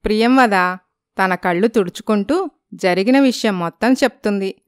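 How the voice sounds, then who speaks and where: Smooth-voiced woman narrating a storybook. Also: medium pitch, normal speed, no echo.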